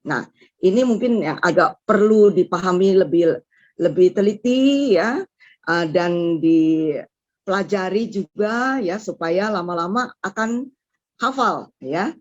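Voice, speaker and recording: A woman's voice: fairly low pitch, lively intonation, slow, a little mellow, dry recording. Woman teaching liturgical songwriting, lo-fi. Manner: explains step by step, often ends phrases with "ya", sings example notes. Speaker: liturgical music instructor. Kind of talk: lecture on writing liturgical songs. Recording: dull lo-fi recording.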